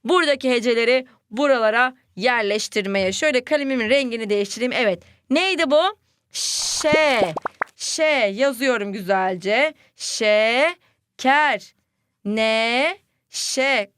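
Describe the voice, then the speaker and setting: High-voiced, slow-spoken woman teacher. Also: a bit bright, clear, resonant tone, dry recording. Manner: cheerful, slow, repeats each word aloud for children. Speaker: primary school teacher. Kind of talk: children's reading lesson.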